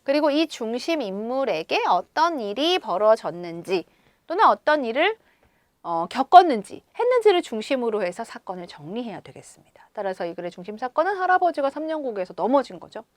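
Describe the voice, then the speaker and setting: Woman teaching kids reading, high voice, jumps around a lot in tone, dry close mic. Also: a little fast, no echo. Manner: expressive, asks the pupils questions. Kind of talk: reading-comprehension lesson.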